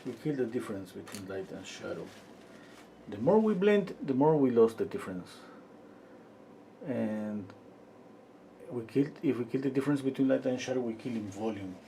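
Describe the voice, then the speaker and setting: A man from Peru teaching a live-stream painting lesson, quiet and unhurried, often trailing off into murmurs as he works. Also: mid-range voice, lively intonation, vocal fry, a little hiss or hum. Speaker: painting instructor.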